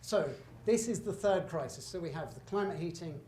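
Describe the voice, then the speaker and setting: In a roomy, echoey hall with a faint background hum, a middle-aged British guest lecturer gives a public talk with slides. His voice is on the high side with a dark tone at a normal speed, and he speaks chattily and emphatically, with asides and self-corrections.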